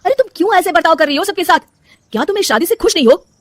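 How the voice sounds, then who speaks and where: A woman's voice: medium pitch, animated, quick pace, no room sound, lightly acted. A woman voicing a patient, loving young husband who talks in a coaxing, pleading way.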